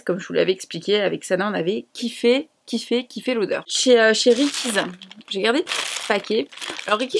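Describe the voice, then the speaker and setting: A woman from France chatting casually in a beauty haul video, enthusiastic and fond of repeating words for emphasis. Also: mid-range voice. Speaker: beauty vlogger.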